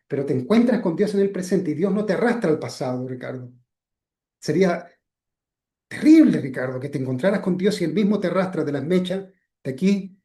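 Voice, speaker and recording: A man gives a spiritual teaching talk in a mellow, warm-toned voice that sits a little high for a man. He speaks directly to one listener, repeating his name often. Many phrases fade softly at the end, and he checks in with short questions. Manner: addresses the listener by name again and again, trailing off softly after phrases; asks frequent checking questions.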